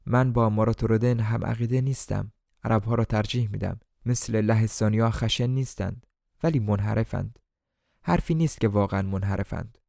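A man voicing a tired, blunt waitress who talks in a weary, sharp-tongued way. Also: lowish voice, gravelly, dry recording, studio quality.

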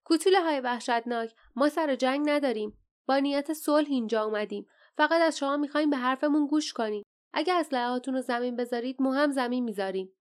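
A woman voices a burly, gruff warrior who grumbles about the path and calls out boldly to unseen foes. Her voice is only lightly changed for him, in a storybook reading. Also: fairly high pitch, close to an everyday voice. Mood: loud challenge. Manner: grumbling, then loudly challenging. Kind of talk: audiobook character voice.

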